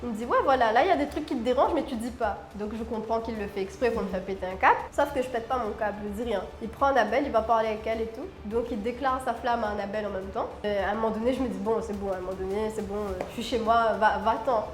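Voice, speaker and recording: A woman from Réunion, a guest, telling a personal story in an expressive, dramatic way. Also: a little high, very fast, few pauses. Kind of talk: animated storytelling. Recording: roomy room with faint music.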